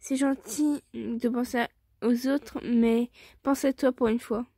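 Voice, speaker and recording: A woman's voice: on the high side, fairly even intonation, slow pace, warm tone, husky, dry recording, clean studio sound, full character voice. A woman voicing a stern, protective young male swordsman who speaks firmly and bluntly, in a fan story read aloud.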